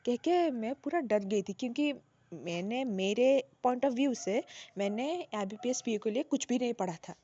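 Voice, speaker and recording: Animated young woman, slightly dull recording. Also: on the high side, unhurried. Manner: animated, laughs often, many fillers and restarts. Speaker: bank officer sharing her exam story. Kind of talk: casual personal storytelling. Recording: dull lo-fi sound.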